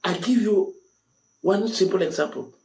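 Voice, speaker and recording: Speaking at a normal speed in a high, slightly mellow voice, a man hosts a motivational talk show, addressing his audience in a preacherly, emphatic monologue full of repeated phrases. Music runs under a roomy echo.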